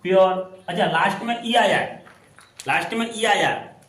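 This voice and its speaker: High-voiced man teaching from a distance. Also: a bit bright. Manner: repetitive, drawn-out spelling out of words. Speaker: English pronunciation teacher. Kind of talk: classroom-style explanation. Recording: echoey room from far off.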